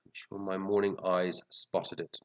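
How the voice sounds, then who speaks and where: A man's voice: low-pitched, little pitch movement, a little slow, smooth. A man with a stuffy head cold, chatting and muttering his way through casual, mildly sweary commentary as a show host. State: sniffly, congested with a head cold. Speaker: fantasy football show host. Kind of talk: casual rambling commentary reviewing team scores.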